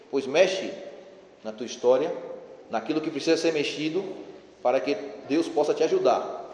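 A man's voice: fairly high pitch, darkish tone, slight background noise. A priest giving a sermon in a conversational, ironic way, urging his congregation. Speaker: parish priest. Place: church. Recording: echoey church with long reverb.

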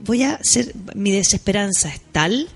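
A woman's voice: mid-range voice, lively intonation, a little slow, vocal fry, slightly rough. A Chilean woman with a Chilean accent, co-hosting a casual talk show, reading listener messages and explaining at length. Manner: reflective, explains at length, mild swearing.

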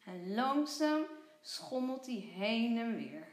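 A woman teacher reading a children's story aloud, expressive and clear. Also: on the high side, slow pace. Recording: echoey room.

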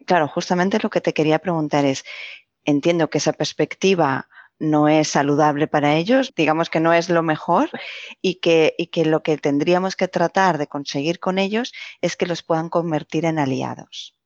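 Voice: medium pitch, moderate pace, no room sound. An interviewer who is also a coach, asking long, carefully framed questions and listening attentively. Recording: dull, lo-fi, dry.

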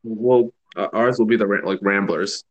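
A man's voice: fairly low pitch, fairly even intonation, normal speed. A man co-hosting a podcast, chatting casually in a laid-back way with dry jokes. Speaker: podcast co-host. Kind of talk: casual chat.

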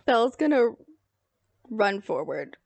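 A woman playing in a tabletop game, in a lively, playful way. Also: fairly high pitch, slow pace, gravelly, dry recording. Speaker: player. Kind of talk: casual tabletop play.

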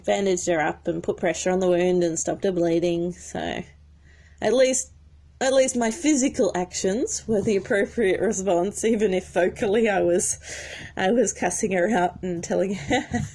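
Woman with a gravelly, creaky voice. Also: mid-range voice, a little mellow. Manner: rambling, emotional, many restarts. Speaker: horse owner. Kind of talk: casual storytelling.

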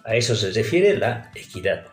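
Lively-voiced male teacher in a roomy space. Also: on the low side, normal speed. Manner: formal, repeatedly addressing pupils directly; explains patiently with rhetorical questions. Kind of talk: recorded classroom lesson. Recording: roomy echo, faint music behind.

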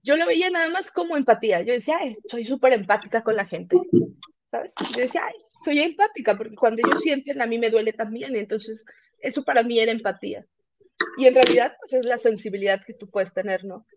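A woman's voice: a little high, quick pace, muffled recording, background noise. A woman with a Mexican accent, a podcast guest chatting casually and telling stories, acting out what people said. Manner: animated storyteller, acts out quoted speech. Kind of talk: casual chat.

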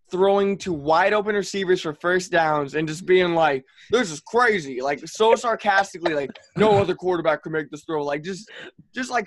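A young man co-hosting a sports podcast, ranting in an exasperated, sarcastic way. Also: high-pitched. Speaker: podcast co-host. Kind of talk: casual sports podcast chat.

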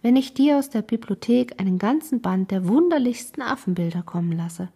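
A woman voicing a composed, motherly noblewoman in an audiobook, with a soothing, breathy voice. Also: fairly high pitch, lively intonation, brisk, mellow.

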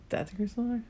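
A woman co-hosting a podcast, chatting casually as she watches an episode and laughing often at what she sees. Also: on the high side. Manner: laughs often, animated reactions. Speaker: podcast co-host. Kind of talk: casual watch-along commentary.

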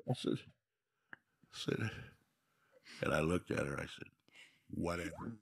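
An older man from Minnesota, a guest telling a story in a casual, animated way, laughing as he goes. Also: a bass voice, gravelly, breathy edge.

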